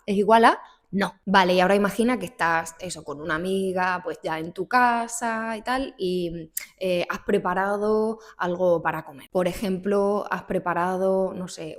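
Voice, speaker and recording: Casting: woman, 30s, Spain Spanish accent, chatty teacher on camera, laughs easily, acts out little exchanges. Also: lowish voice. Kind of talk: casual video lesson.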